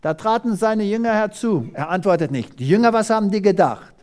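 Animated preacher from South Africa. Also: brisk. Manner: dramatic, rhetorical questions, sweeping pitch swings. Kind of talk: animated sermon with Bible reading.

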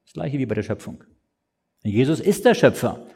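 A man preaching a sermon, asking questions and answering them himself in a slow, explaining way. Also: mid-range voice, big pitch swings, gravelly, a little mellow, husky.

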